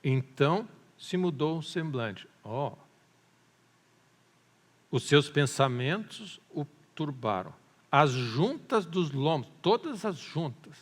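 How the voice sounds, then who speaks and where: A pastor preaching a sermon, telling a story with animation and often asking the congregation "amém?". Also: male voice, fairly high pitch. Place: church hall. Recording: long reverb of a church hall.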